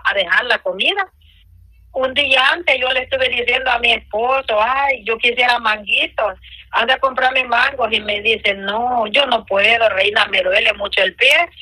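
A woman's voice: a little high, sharp tone. A woman telling her personal faith testimony in an earnest storytelling manner, acting out what others said. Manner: earnest storytelling with quoted dialogue. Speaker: church member giving testimony.

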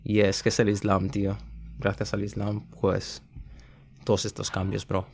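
A man's voice: fairly low pitch, completely flat delivery, normal speed, creaky, darkish tone, a little hiss or hum. A young man hosting a podcast, talking earnestly in laid-back slang. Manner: earnest, laid-back slang, frequent "¿sabes?" and English fillers. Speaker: podcast host. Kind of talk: casual chat.

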